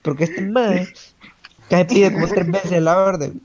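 A young man, calmly narrating part of a wild night to his friends. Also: high-pitched, unhurried, a crowd in the background. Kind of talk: casual chat, storytelling among friends. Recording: dull lo-fi sound.

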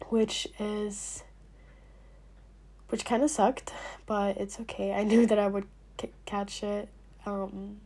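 A young woman in her late teens chatting casually to her viewers, a little hoarse after being ill, with many fillers and soft near-whispered trailing words. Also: mid-range voice, steady tone, slow pace, long pauses. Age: young adult. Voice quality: husky, slightly hoarse. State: recovering from illness, clearing throat. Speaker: vlogger. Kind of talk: casual talk to camera.

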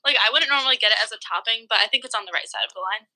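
A young woman co-hosting a casual podcast chat, giggly and quick to laugh. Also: a little high, sharp tone. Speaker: podcast co-host.

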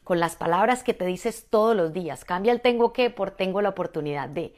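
A woman, a mother and motivational speaker, giving an energetic, emphatic talk straight to the listener. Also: mid-range voice, fairly quick. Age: adult, mother.

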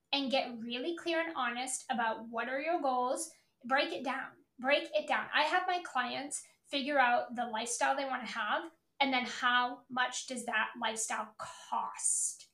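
A woman's voice: high-pitched, moderate pace, fairly bright tone, reverberant. A woman giving a motivational business coaching talk in a blunt, emphatic, repetitive way, peppered with swearing.

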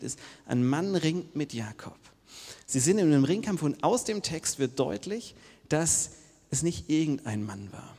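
A male pastor preaching a sermon in a casual storytelling way, jumping between loud bursts and hushed whispers. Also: medium pitch. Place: church hall. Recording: long hall reverb.

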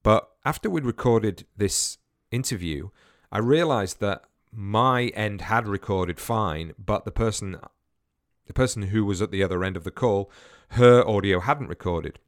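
A man hosts a casual solo podcast in a lowish, animated voice at a measured pace, rambling with many restarts and repeated words. His remote recording setup with headphones yields clean studio sound and no room noise.

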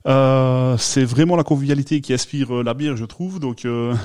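A man hosts a relaxed podcast chat. His voice is mellow and the sound is dry and close, with no room around it. He hesitates often, filling gaps with little sounds and starting phrases over. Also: mid-range voice, normal speed, no echo. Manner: hesitant, many filler sounds and restarts; laughs at his own accent. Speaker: podcast host.

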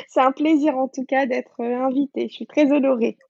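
A woman's voice: sits high, steady tone, normal speed, creaky, darkish tone, no room sound, lo-fi sound. A woman in her thirties from Senegal, a podcast guest speaking hesitantly with many fillers and frequent laughs. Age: 30s. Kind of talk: casual interview chat.

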